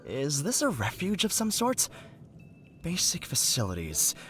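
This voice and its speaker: An actor playing an earnest, excitable writer companion in a video game, speaking theatrically and eloquently with wonder. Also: male voice, fairly high pitch, measured pace, full character voice. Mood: musing. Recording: game music behind the voice. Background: game music.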